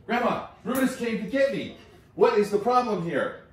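A man voicing a brave hunter in a storybook play, calling out loudly. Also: high voice, lively intonation, normal speed, voice pushed up. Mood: commanding. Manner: loud, shouting. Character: brave male woodland hunter, hearty. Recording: distant, echoey, noisy home recording.

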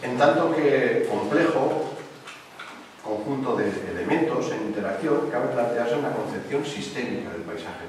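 A man's voice: medium pitch, expressive, unhurried. An older man with an accent from Spain giving a public lecture, congested with a cold, hesitant and often correcting himself. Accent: Spanish from Spain. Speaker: lecturer, university professor. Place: small stone-walled lecture room, seated at a desk. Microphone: distant camera microphone. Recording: echoey, noisy hall from far off.

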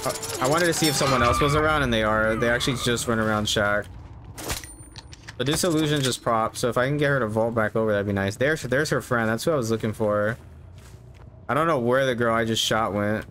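A man in his thirties narrates his own gameplay in an easygoing, casual way, thinking aloud as he goes. His pitch sits in an ordinary male range, and game ambience is clearly audible behind him. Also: brisk, fairly bright tone. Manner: easygoing, musing to himself as he plays. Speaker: game streamer. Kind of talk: casual live gameplay commentary. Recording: clear background game noise.

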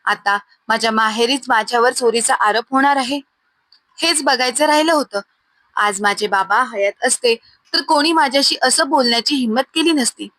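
A woman's voice: a little high, moderate pace, a bit bright, no room sound, natural voice. A woman voicing a sly married sister who whines and shifts blame, in a storybook reading. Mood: whiny. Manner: whining, accusing. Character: sly young married sister, tearful and blaming.

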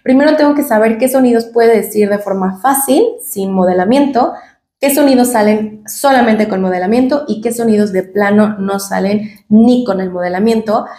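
A woman's voice: medium pitch, moderate pace, warm tone, roomy sound. A woman speech therapist with a Mexican Spanish accent, giving a patient, explanatory lesson to the camera and demonstrating sounds as she goes.

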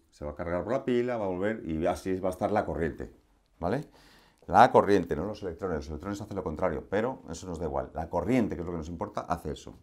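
A man's voice: low voice, a little mellow. Chatty man teaching a lesson. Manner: chatty, asks rhetorical questions, playful asides. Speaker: electronics teacher. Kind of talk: recorded lesson.

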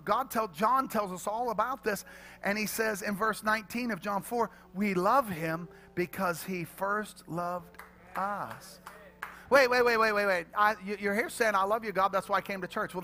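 A man preaching a sermon as pastor, swinging from quiet, joking asides to loud, shouted calls to the congregation. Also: high voice. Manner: playful storytelling with church humor.

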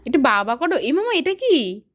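High, lilting mother coaxing a toddler. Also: very animated, normal speed, a bit bright. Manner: coaxing, praising, sing-song questions. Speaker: mother teaching her toddler. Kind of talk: home video, teaching a toddler words.

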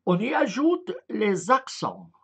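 A man with a high, creaky, fairly bright voice and a breathy edge talks slowly with huge swings in pitch. His online lecture covers Arabic script, delivered hesitantly with plenty of fillers as he spells out each letter sound.

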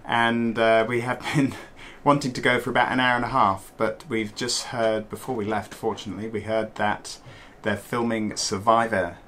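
A man in his forties giving a casual vlog update from a catamaran saloon, pausing often with fillers. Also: lowish voice, flat delivery, sharp tone, a little hiss or hum. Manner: halting, many uh fillers. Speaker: sailing vlog co-host. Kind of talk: casual vlog narration to camera.

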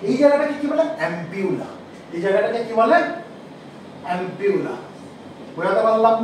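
A man teaching a class, asking questions and slowly repeating key terms. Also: sits high, very animated, darkish tone, slight background noise. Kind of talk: classroom lecture. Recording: echoey room, mic far off.

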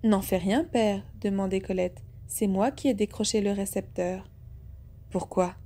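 A woman doing a gentle, tender young daughter. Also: mid-range voice, steady tone, a little slow.

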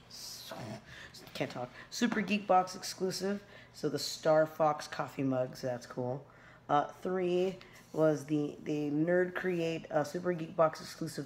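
A hoarse, scratchy-voiced woman in her thirties, an unboxing vlogger, casually narrates opening a package at home at night. Her voice sits low and a bit mellow, her talk wanders with many fillers and restarts, and a nearby camera's built-in mic picks it up in the small room.

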